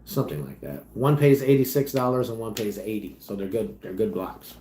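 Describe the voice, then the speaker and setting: A man's voice: fairly low pitch, expressive, brisk, slight background noise. Chatty man in an echoey room. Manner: rambling, chatty, trails off quietly. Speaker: livestream host and delivery driver. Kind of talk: casual livestream chat reading comments.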